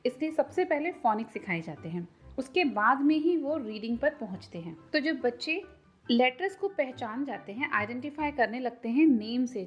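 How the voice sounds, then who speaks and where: A woman teaching phonics to parents as a channel host, sounding out letters slowly and repeating each one. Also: high voice, muffled recording. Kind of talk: tutorial lesson for parents.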